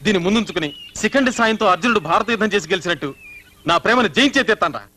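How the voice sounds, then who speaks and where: An actor playing a brash, excitable younger brother in a family film drama. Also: male voice, high voice, very fast, faint music behind. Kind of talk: Telugu film dialogue.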